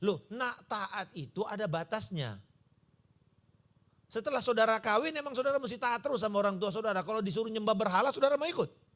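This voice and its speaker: A male pastor preaches. His voice sits high and swings widely in pitch. He tells stories and acts out their dialogue. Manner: animated storytelling, acting out dialogue. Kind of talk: sermon. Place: church service.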